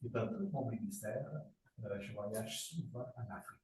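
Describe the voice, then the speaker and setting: Man from Angola, mid-pitched, lively group testimony, picked up far off in a reverberant room. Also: normal speed. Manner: vivid storytelling with sound effects and sudden pitch jumps. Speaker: participant sharing a story. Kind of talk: animated personal testimony. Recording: roomy, distant, faint noise.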